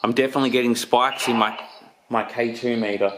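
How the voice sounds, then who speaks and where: A man in his thirties, a paranormal investigator, narrates a ghost-hunting vlog on the spot inside an empty, derelict house, calling out to spirits. His mid-range voice is fairly bright and brisk, with fairly even intonation. The handheld camera audio is noisy and has clicks.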